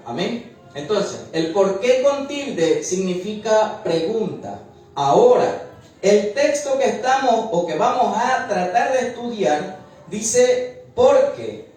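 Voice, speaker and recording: A man with a high, slightly mellow voice leads a Bible study as a preacher, explaining things patiently and often closing his points with "amén." He's recorded far from the mic in a very echoey room.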